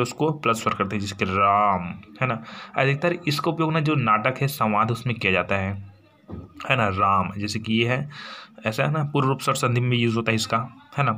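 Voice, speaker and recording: A man's voice: medium pitch, bright, forceful tone. A man from India teaching an exam-prep lesson, explaining step by step and answering his own questions, with frequent tag questions.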